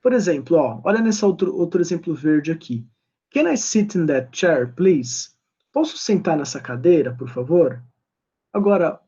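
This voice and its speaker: A man with a Brazilian Portuguese accent teaching a basic English class, patiently reading English examples slowly and then translating them. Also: on the high side, warm tone, breathy edge, highs cut off. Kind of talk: online English class explanation.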